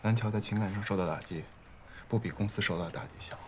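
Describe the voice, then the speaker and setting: An actor playing a composed male company head who speaks calmly and reassures his staff. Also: lowish voice, background noise, natural voice. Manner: calm, measured and reassuring. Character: composed male boss, steady and loyal. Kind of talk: television drama acting.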